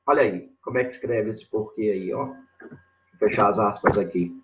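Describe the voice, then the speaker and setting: A man teaching grammar in a live online lesson, talking slowly and repeating himself as he points things out on a board. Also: fairly low pitch, highs cut off, slight background noise. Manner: slow and repetitive, constantly saying "ó" and "olha lá" while writing on a board.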